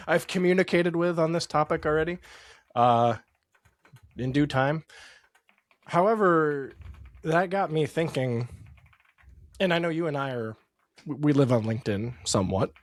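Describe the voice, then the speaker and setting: With a voice on the high side, an American man co-hosts a casual podcast from his San Francisco Bay Area home setup. He sounds expressive, rambling, self-correcting and often chuckling, speaking at a moderate pace with long pauses and no echo.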